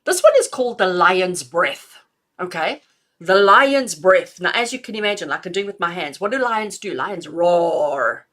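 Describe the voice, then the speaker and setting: Lively woman guiding breathing exercises. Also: medium pitch. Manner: animated, laughs often, counts slowly and calmly. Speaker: spiritual healer leading a breathing exercise. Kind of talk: live guided breathing lesson.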